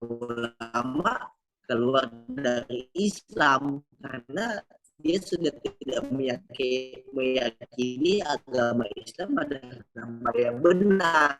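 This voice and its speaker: A man's voice: medium pitch, animated, takes it slowly, fairly bright tone, faint music behind. A male Islamic preacher answering listener questions. His call keeps breaking up, and he explains patiently with many fillers and restarts. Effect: call audio breaking up, signal cutting out. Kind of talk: religious Q&A over a call. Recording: choppy remote call line from a distance.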